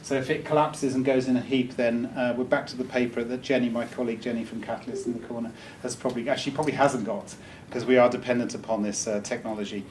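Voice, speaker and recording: Recorded from a distance in a meeting room with faint background noise, a man from Wales chats and jokes with a live audience, often saying um and starting over. He speaks fast, with a medium, darkish voice that barely moves in pitch.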